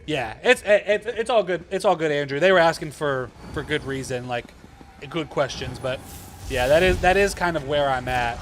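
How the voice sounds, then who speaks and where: A man's voice: a little high, normal speed, a bit bright, slight background noise. A man hosting a gaming livestream, chatting casually and rambling as he answers viewers' questions.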